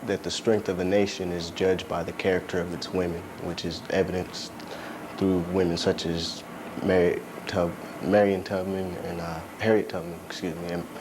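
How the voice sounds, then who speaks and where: A man speaking in a measured way in an interview, citing sayings and examples. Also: sits low, level tone. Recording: noisy old video recording.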